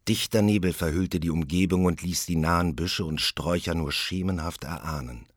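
Male narrator, low and slow, husky, dry close studio sound. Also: no echo. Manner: slow, grave storytelling. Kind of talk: audiobook narration of a retold play.

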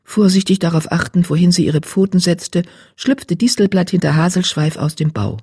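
A narrator reading an animal fantasy novel aloud with measured storytelling. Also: medium pitch, a little mellow, breathy edge, dry recording, studio quality. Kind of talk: audiobook narration.

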